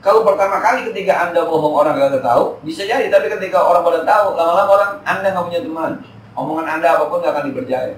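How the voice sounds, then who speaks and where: Speaking very fast in a somewhat high voice, this Islamic teacher in his 40s jokes and chats through a religious study session in a mosque hall, full of Jakarta slang. The distant, echoey recording carries a little hiss or hum.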